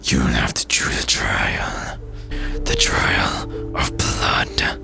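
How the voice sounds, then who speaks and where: A man voicing a strange, solemn cave beast in a slow, raspy, breathy growl for a game. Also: whispered, over music, lightly acted. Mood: ominous, commanding. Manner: slow, ominous.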